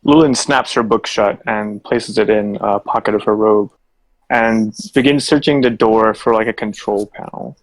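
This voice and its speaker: A man's voice: on the low side, moderate pace, no room sound, low-quality recording. A man playing a tabletop role-playing game, casually narrating what his character does.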